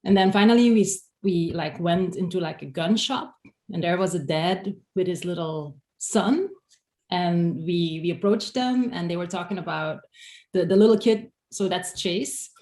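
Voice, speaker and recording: Woman telling a story casually, lower voice, echoey room. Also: moderate pace, a little mellow. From Europe. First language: Dutch. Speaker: documentary filmmaker.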